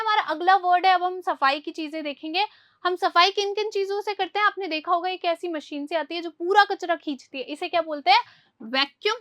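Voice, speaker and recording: A woman teaching a vocabulary lesson. She asks a question, answers it, and has each word repeated, lifting her voice on each new word and dropping soft on the answers. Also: very high-pitched.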